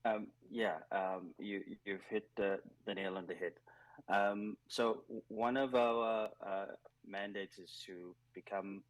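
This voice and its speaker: A man from South Africa who leads a nonprofit program, talking in a radio interview in an earnest, measured way, with many ums and uhs. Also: fairly low pitch, steady tone, no room sound, rough recording. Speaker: nonprofit digital skills program leader.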